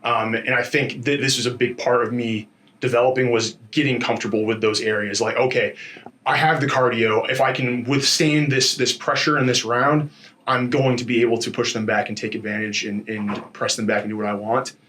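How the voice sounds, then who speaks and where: A man speaking as a fighter in a casual post-fight interview, in an informal, rambling and animated storytelling way with slangy asides. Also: mid-range voice, fairly quick. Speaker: MMA fighter being interviewed after a bout.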